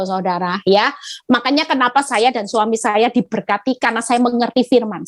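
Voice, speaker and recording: A woman's voice: a little high, no room sound. Emphatic woman preacher on a video call. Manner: emphatic, addresses listeners as brothers and sisters, asks rhetorical questions. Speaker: evangelist preaching. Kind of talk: sermon over a video call.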